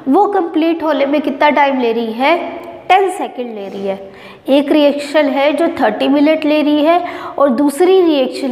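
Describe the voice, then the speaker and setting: Indian lady science teacher, high voice, echoey room w/ long reverb, keeps asking the class questions. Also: darkish tone. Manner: explains with rhetorical questions, mixing Hindi and English. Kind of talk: classroom lecture to students.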